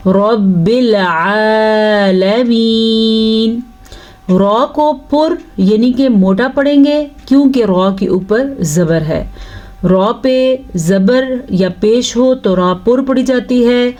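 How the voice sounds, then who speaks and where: A woman's voice: mid-range voice, a little mellow. Patient woman teaching Quran recitation. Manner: patient explaining teacher, slow drawn-out recitation. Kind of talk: tajweed lesson with recitation.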